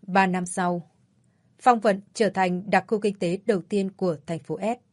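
A woman narrating an audiobook story in a calm, measured way. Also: mid-range voice, no echo, studio quality.

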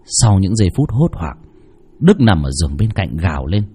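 A man's voice: very animated, moderate pace, dark tone, slightly rough. A man narrating a horror story dramatically. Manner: dramatic, shifting pitch for effect.

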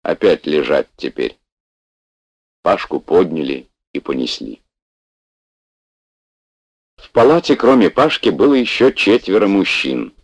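A man reading a literary story aloud as an audiobook narrator, in a measured, unhurried way. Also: low-pitched, very animated, husky, dry recording.

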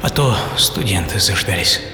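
In a theatrical radio play, a man voices a witty, ironic English physicist looking back on his life in a first-person monologue. His low-pitched voice is expressive and kept subdued at a normal speed over music, the mood wry and reflective.

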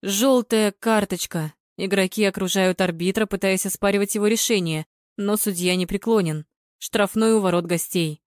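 A woman voicing a male football commentator giving measured play-by-play. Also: medium pitch, no room sound, clean studio sound, natural voice. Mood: reporting.

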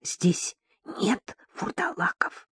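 A reader voicing a nervous, hospitable older woman who lives alone, speaking in an anxious, hushed way in an audiobook. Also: mid-range voice, expressive, unhurried, no echo. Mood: whispering. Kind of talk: audiobook character reading.

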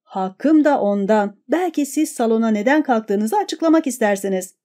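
A man's voice: extremely high pitch, expressive, normal speed, dark tone. Brief: woman doing a proud, quarrelsome male lawyer who accuses sharply, storybook reading. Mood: sour.

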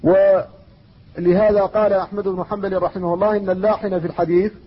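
A man from Mauritania, a scholar giving a lecture on Quranic recitation, who speaks in a measured way and slows down to recite verses and poetry. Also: high-pitched, flat delivery, breathy edge. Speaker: Islamic scholar teaching tajweed. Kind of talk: classroom lecture explaining a text. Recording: dull lo-fi lecture recording.

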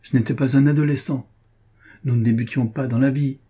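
A man's voice: medium pitch, fairly even intonation, a little fast, warm tone, husky, close to an everyday voice. A man reading an audiobook, voicing a cold, sceptical young lover who answers in cool, cutting reasoning. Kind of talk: audiobook reading of a classic novel.

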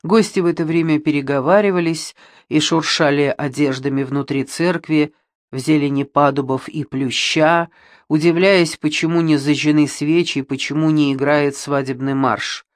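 A woman reading a novel aloud as audiobook narration, measured and even. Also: sits low, no echo, studio quality. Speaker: audiobook reader.

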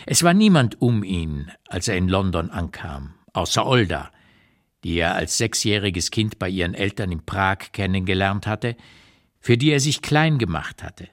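In a low, animated voice, an actor plays an aged male author reflecting on his past with blunt honesty. The radio narration is literary, measured and deliberate, with a candid, thoughtful mood.

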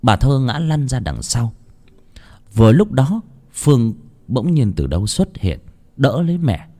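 A man narrating a horror story in a dramatic, expressive way. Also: medium pitch, a little slow.

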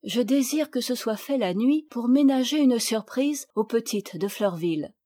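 A woman reading aloud, voicing a gentle, dignified aristocratic mother who speaks tenderly and courteously. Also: on the high side, expressive, moderate pace.

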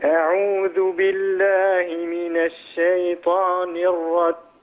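Man, caller, high voice, slow, earnest, phone line. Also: completely flat delivery. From Tunisia.

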